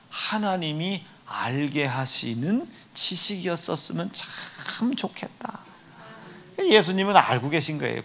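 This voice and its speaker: A man preaching a sermon in a church sanctuary, acting out biblical figures with comic voices, dropping to whispers and rising to outbursts. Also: a little high. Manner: acts out disciples in dialect, shifts between whispers and loud outbursts. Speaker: pastor.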